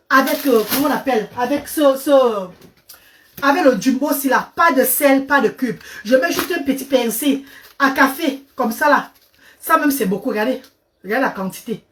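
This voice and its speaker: A woman hosting a casual live stream with diet advice, coaxing her viewers with endearments and slipping into English. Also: high-pitched. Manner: switches between French and English. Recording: voice a bit far from the mic.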